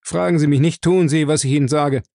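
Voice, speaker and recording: A man reading aloud, voicing a terse, Scottish-born detective in a low, gravelly voice. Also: fairly even intonation, brisk, mellow, no echo, clean studio sound. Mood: urgent. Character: tense Scottish-born male police detective.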